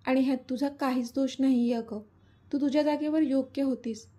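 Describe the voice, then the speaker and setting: Woman voicing young mother, teasing and tender, high mellow voice, husky, storybook. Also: fairly even intonation, a little fast. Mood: heartfelt.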